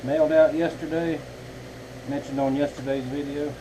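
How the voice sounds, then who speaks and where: A man's voice: a little high, level tone, normal speed, noisy background. A man, a knifemaker chatting casually and folksily to his viewers from his home workshop. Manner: rambling, folksy, talks to viewers as y'all. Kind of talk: casual vlog chat.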